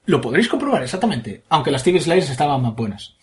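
A man's voice: a little high, big pitch swings, quick pace, darkish tone. Crude, jokey man. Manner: crude, jokey, reads comments aloud. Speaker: podcast host reading listener comments. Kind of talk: casual podcast banter.

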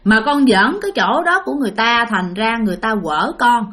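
A woman's voice: on the high side, big pitch swings, fairly quick, a bit bright. A woman with a Southern Vietnamese accent voicing a stern older male village exorcist who scolds and then reassures.

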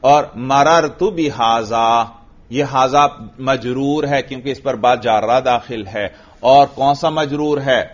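A man with a Pakistani Urdu accent, a religious teacher giving a classroom grammar lecture, firing short questions at his students and repeating their answers. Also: mid-range voice. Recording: dull lo-fi classroom recording.

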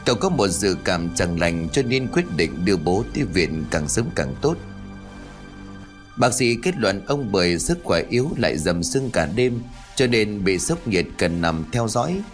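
Male storyteller, low voice with a lively, swinging delivery, ghost-story narration over faint music. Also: moderate pace.

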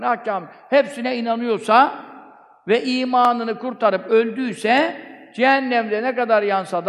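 A man preaching a sermon from a pulpit microphone, fervently asking rhetorical questions and answering them himself. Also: high voice. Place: speaking from a pulpit. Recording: long hall reverb.

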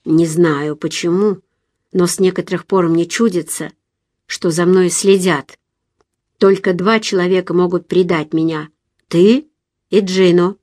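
A woman reading the lines of a suspicious, menacing young man in an audiobook, low, slow and guarded. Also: fairly even intonation, darkish tone, no echo, studio quality. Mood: wary.

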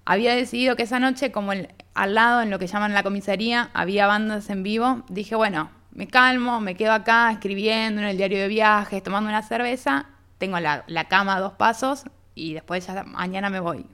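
An Argentine woman chats as a guest in a radio interview, recounting her travels in a loose, anecdotal way. She keeps slipping into the dialogue, replaying what each person said. Her voice sits at an everyday middle pitch. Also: brisk, clean tone. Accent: Argentine Spanish. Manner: lively anecdotal, reenacts dialogue with "me dice". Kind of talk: casual radio interview storytelling.

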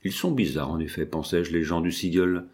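A man reading a novel aloud as an audiobook narrator, in steady, measured storytelling. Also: low-pitched. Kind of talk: scripted narration.

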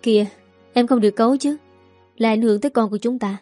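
A woman's voice: a little high, fast, mellow, faint music behind, close to an everyday voice. A woman voicing a brash young village man who pushes his way into a family talk. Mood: pushy.

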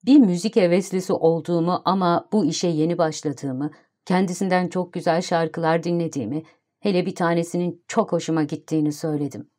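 A woman narrating a literary audiobook in a calm, even storytelling manner. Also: on the low side, brisk.

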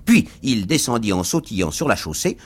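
A man reading a classic novel aloud for radio, in expressive, dramatic storytelling narration. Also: on the low side, normal speed, husky. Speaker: reader. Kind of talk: scripted literary narration for radio.

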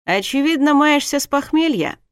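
A woman reading a fantasy audiobook voices a sly, commanding young man, a snake shapeshifter who growls and mocks his wife in slow, drawn-out lines. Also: mid-range voice, expressive, no room sound, studio quality, lightly acted. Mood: mocking. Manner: mocking, growling, drawn-out delivery. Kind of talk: audiobook character voice.

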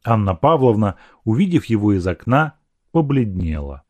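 A man narrating a classic novel as an audiobook, expressive and measured. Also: lowish voice, no room sound. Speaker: audiobook reader.

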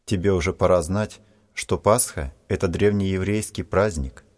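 A man reading a story gives voice to a proud, self-righteous schoolboy in a storybook. He speaks sharply and preachily, in a lightly raised register over a low natural voice. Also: normal speed. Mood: scolding. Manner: sharp, scolding.

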